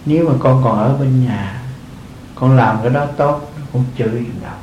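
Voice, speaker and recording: A man's voice: mid-range voice, moderate pace, darkish tone, echoey room, dull audio, a little hiss or hum. An older man, a monk, giving an earnest dharma talk to lay followers, repeating his phrases and chuckling often. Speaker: Buddhist monk teaching.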